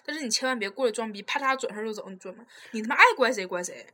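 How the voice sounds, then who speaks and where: Young woman, somewhat high, bright voice, blunt profane storyteller. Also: racing. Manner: blunt, heavy swearing, animated storytelling. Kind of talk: casual chat.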